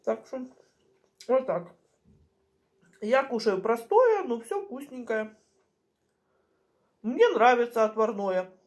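A middle-aged woman chatting casually in short phrases with pauses as she eats, chewing while she talks, recorded in a home kitchen. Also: on the high side, big pitch swings, a little mellow. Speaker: mukbang vlogger. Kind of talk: casual chat while eating. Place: small home kitchen, indoors. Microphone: camera on the table at arm's length.

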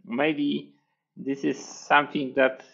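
A man in his forties from Poland with a Polish accent, speaking as an interview guest in a measured, hesitant way with many fillers. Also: fairly high pitch, flat delivery, creaky, bright, forceful tone, lo-fi sound. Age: 40s. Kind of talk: interview over video call. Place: room with hexagon panel wall. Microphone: headphones with mic on video call.

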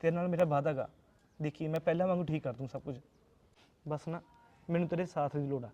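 A man plays a devoted young husband out of work, speaking with a Punjabi accent in a soft, pleading, reassuring way. His voice sits a little high but sounds mellow and dark. The recording is slightly muffled and dull. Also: fairly even intonation, fast, natural voice. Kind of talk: Punjabi short-film acting.

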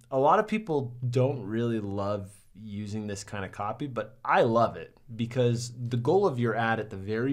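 A young man sitting at a desk in a small studio, casually critiquing ads to the camera in an upbeat way, with lots of "um"s. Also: lowish voice. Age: young adult. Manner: upbeat, many "um"s and "right?". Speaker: marketing reviewer.

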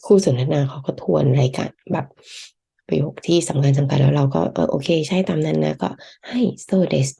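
A woman's voice: deep voice, fairly even intonation, vocal fry, dark tone, slightly rough. A woman hosting a podcast language lesson, explaining phrases one by one and translating them. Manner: reads Japanese phrases, then translates and explains them slowly. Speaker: Japanese language teacher. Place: lives in Japan.

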